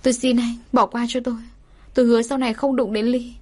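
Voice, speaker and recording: A woman's voice: on the high side, little pitch movement, fast talker, warm tone, voice pushed up, close to an everyday voice. A woman voicing a panicked young mistress who begs and pleads through tears. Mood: frantic pleading. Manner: pleading, breathless begging.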